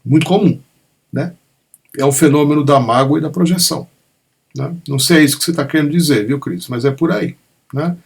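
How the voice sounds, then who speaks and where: Raspy gravelly guy doing an online spiritual talk, calm, keeps asking "right?". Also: a little high, a little fast. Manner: gentle, frequent "né?" tags, calm explanatory pacing. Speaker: spiritual teacher leading an online satsang. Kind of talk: unscripted spiritual talk answering questions. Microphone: online meeting microphone.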